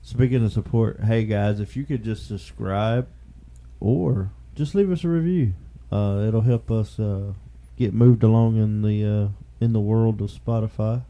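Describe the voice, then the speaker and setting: A man hosting a podcast in casual chat, with a relaxed Southern drawl, rambling and quick to laugh. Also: lo-fi sound. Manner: laid-back, laughs easily, rambling pitches for support. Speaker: podcast host.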